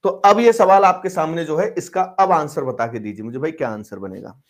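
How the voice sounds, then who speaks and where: A man's voice: fairly high pitch, fairly quick. A man teaching a live online math class, coaxing and quizzing his students as he explains. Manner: coaxing, quizzing students, switching between Hindi and English terms.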